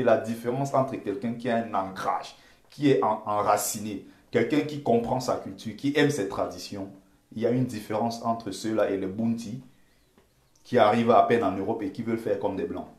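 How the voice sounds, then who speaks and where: A man's voice: fairly low pitch, normal speed, a little mellow, roomy sound. A man from Cameroon with a Bamileke accent, giving impassioned live-stream commentary. He talks emphatically, repeats himself and pleads with his viewers.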